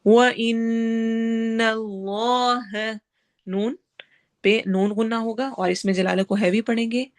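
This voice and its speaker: A woman teaching Quran recitation, explaining pronunciation rules in a brisk, instructive way. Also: mid-range voice, fairly even intonation, a little mellow. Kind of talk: tajweed lesson.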